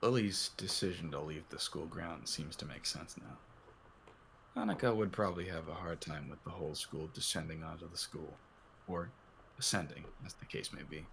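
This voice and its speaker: A man's voice: rumbling low, normal speed, gravelly, fairly bright tone, a little hiss or hum. A man reading a visual novel aloud as its narrator and lead, using a put-on cowboy drawl.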